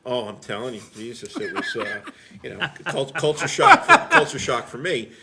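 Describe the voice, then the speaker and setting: A middle-aged veteran firefighter, appearing as an interview guest, tells stories in a casual, plain-spoken, rambling way full of filler phrases. His voice sits in the mid-range with huge pitch swings and a moderate pace, and the recording is very noisy.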